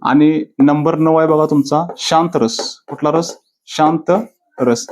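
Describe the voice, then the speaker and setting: A man's voice: a little high, steady tone, darkish tone. A man teaching grammar for competitive exams in a video lecture, repeating each answer as a question-and-answer drill. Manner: repetitive, quizzing himself with question-and-answer drills; drawn-out, deliberate delivery of quoted verses. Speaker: exam-prep teacher. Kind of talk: classroom-style video lecture.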